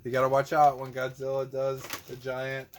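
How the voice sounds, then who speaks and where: The recording is very noisy, and the man talks at a moderate pace in a monotone, mid-range voice. He's a children's show host and teacher chatting casually with kids about toys, acting goofy and theatrical with silly exclamations.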